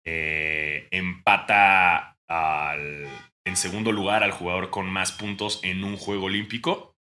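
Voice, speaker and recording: A young Mexican man co-hosting a casual podcast chat, joking and now and then breaking into mock shouting. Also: deep voice, fairly even intonation, slow, a little hiss or hum. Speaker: podcast co-host.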